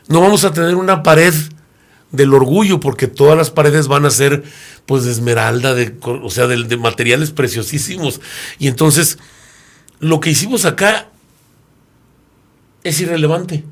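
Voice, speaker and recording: A man in his sixties with a Mexican Spanish accent, a pastor talking through a Bible lesson and telling stories in which he acts out the characters. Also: on the high side. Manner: storytelling, acts out quoted characters. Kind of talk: sermon-like Bible lesson discussion.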